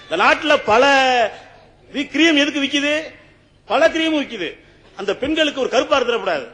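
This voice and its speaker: Very high-voiced man, comic stage debater. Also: expressive, moderate pace, bright, forceful tone, big-room sound. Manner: humorous, rhetorical, often addresses the judge.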